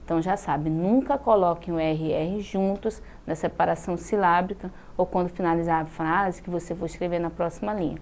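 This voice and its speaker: A Brazilian woman teacher with a fairly low voice explains patiently to young pupils, stretching out key words syllable by syllable. She keeps checking in as she goes. A faint hiss sits under the recording. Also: fairly even intonation, a little mellow. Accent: Brazilian Portuguese. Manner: patient, drawn-out syllables with frequent "tá?" check-ins. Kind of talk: recorded classroom lesson for children.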